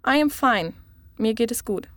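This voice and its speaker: A woman tutoring a language lesson, giving each phrase slowly and clearly for a learner to repeat. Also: on the high side, lively intonation, a bit bright, no room sound, studio quality. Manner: clear, measured model pronunciation.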